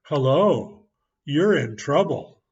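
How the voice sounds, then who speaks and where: A man reading a story aloud and voicing a teasing young boy in a raised, slow voice, on a muffled recording. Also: on the high side, expressive, darkish tone, husky, full character voice. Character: boy named Ben, teasing and cheeky.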